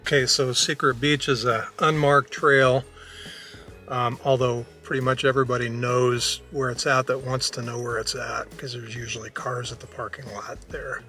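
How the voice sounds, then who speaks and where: A man's voice: medium pitch, level tone, normal speed, pushed and bright, faint music behind. A man vlogging casually, talking in an informal, plain-spoken way. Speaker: travel vlogger. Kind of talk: casual vlog chat.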